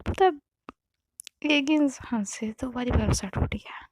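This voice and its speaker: A woman's voice: on the high side, slow, no echo. A woman narrating a story in a casual, half-whispered way.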